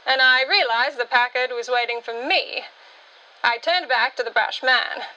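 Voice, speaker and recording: Self-assured woman narrator for a radio story, high and bright, witty delivery. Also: a little slow, lo-fi sound.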